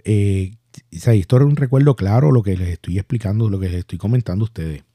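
A Puerto Rican man with a Puerto Rican Spanish accent, hosting a podcast and recounting a personal story in a halting, reflective way. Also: on the low side, dark tone, dry recording, clean studio sound. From Puerto Rico. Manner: halting, reflective, many restarts and fillers. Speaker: podcast host.

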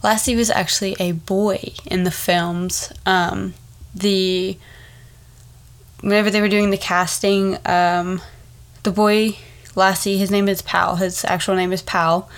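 A woman's voice: medium pitch, flat delivery, measured pace. A young woman with a wheezy, congested voice, chatting casually as a solo podcast host and drifting into rambling asides. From Texas, United States. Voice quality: wheezy, stuffed-up voice.

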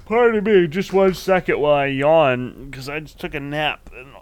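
A man's voice: fairly high pitch, normal speed, crowd noise. A man co-hosting a casual podcast, throwing in joking, mocking interjections. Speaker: podcast co-host.

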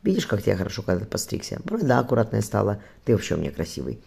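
A man reads a brave woman sailing with her family, who speaks calmly and firmly to those she loves. Her lines come fast, in a dark, mellow, gravelly voice. It sounds like a spoken storybook. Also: fairly low pitch, heavily acted. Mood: tender. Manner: calm, caring, firm. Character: brave, practical woman, ship's surgeon and mother.

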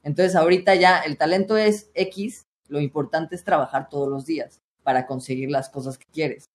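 A man's voice: fairly high pitch, steady tone, moderate pace. A young Mexican man, a streamer and voice coach, talking earnestly in a casual podcast chat with many restarts. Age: young adult. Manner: earnest, advice-giving, frequent "o sea" restarts.

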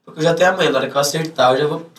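Guesting on an interview, this man, a music artist from São Paulo, talks in a relaxed way, packed with street slang, frequently performing how people might react. His fairly high, slightly bright voice comes very fast and sounds distant in the recording.

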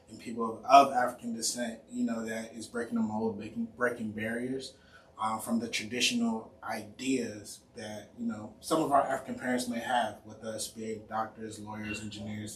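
A man's voice: fairly low pitch, flat delivery, moderate pace. A man hosting a podcast interview, talking in a casual, slangy way with lots of "you know". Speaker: podcast host. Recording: roomy, distant mic, faint noise.

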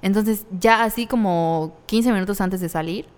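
A young adult woman with a Mexican Spanish accent co-hosts a podcast, telling a personal story in candid, slangy, casual talk and laughing often, even through hard memories. Her mid-range voice is clear and resonant with a darkish tone, at normal speed, with a long reverb tail.

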